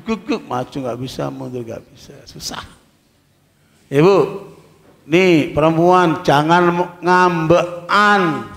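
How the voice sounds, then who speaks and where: A man preaching a lively sermon to a group of women, joking and quizzing his listeners. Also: fairly high pitch. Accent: Indonesian. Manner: lively, jokey, quizzes the audience. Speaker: Islamic preacher. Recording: echoey hall reverb.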